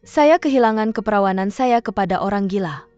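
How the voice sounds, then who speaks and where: A woman's voice: mid-range voice, lively intonation, fairly quick, a little mellow, clean tone, no room sound, natural voice. A woman dubbing a shaken young woman who gives short, broken replies and hides what happened to her. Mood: distraught. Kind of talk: drama dub. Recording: dull dry studio dub, faint music.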